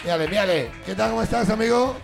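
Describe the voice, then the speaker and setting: A man's voice: high voice, quick pace, creaky, faint music behind. A man hosting a live comedy game show on stage, joking, teasing his guests and swearing a lot. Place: stage before a live audience.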